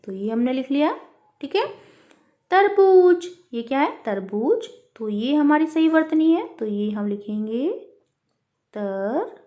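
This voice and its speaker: A woman's voice: high voice, animated, a little slow, warm tone. A woman teaching a worksheet lesson to young children, spelling words out syllable by syllable and calling her listeners beta. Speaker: primary school teacher.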